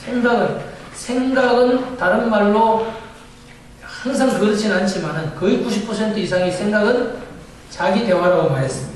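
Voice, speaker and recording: Male pastor, high voice, sermon with call-and-response questions, recorded from far off in a very echoey church hall with faint background noise. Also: moderate pace. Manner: asks the congregation questions and answers them himself. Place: church sanctuary.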